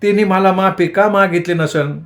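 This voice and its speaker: A man's voice: high-pitched, normal speed, pitched above the performer's own voice. A man voicing a hurt young village son. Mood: hurt, pleading. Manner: plaintive, pleading.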